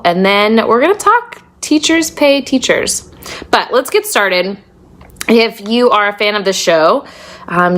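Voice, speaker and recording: A woman co-hosting a podcast, chatting casually in a bubbly, quick way with many fillers. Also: on the low side, a bit bright. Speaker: podcast co-host.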